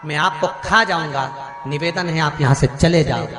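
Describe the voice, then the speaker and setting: A man voicing a stern, righteous male lion king, speaking slowly and solemnly, low below his own voice, in an echoey hall with loud music behind. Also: lightly acted.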